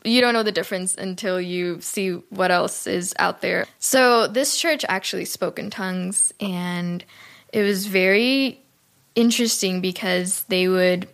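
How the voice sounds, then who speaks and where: A woman from Cuba tells her testimony as a podcast guest. She speaks a little nervously, with soft laughs. Her pitch sits in the middle. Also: measured pace, gravelly, smooth. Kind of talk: personal testimony chat.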